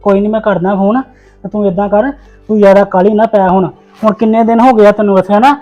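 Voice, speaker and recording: Man playing a calm, reassuring village man. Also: high voice, fast, muffled recording, faint music behind, lightly acted. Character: calm village man sheltering the young wife. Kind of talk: village family drama acting.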